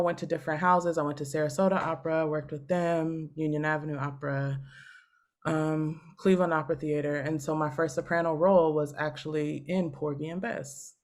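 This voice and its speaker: A woman in her thirties, a guest on a podcast, telling her story in an animated, chatty way with laughs. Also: low voice. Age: 30s. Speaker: guest opera singer. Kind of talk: casual podcast chat.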